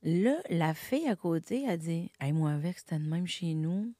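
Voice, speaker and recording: A woman's voice: lowish voice, lively intonation, moderate pace, warm tone, no room sound, studio quality. A middle-aged woman from Quebec with a Québécois accent, chatting in an interview as a guest comedian, laughing often and self-deprecating, with lots of fillers. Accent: Québécois French. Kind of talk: casual interview conversation.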